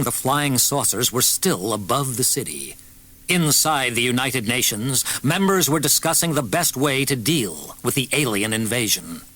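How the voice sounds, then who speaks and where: A man narrating a children's storybook audiobook with an expressive, varied delivery. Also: mid-range voice, slight background noise.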